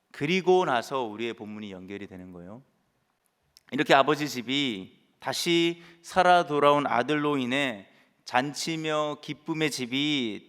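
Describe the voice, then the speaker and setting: A male pastor preaching in a church sanctuary, at a middling pitch for a man. He puts questions to the congregation and answers them himself. His voice rings out with a long reverb off the hall walls. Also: a bit bright. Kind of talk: sermon.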